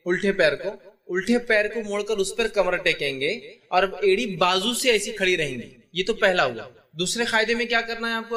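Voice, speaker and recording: A man's voice: sits high, sharp tone. A man giving a religious lecture, explaining step by step and asking his listeners rhetorical questions. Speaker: Islamic teacher.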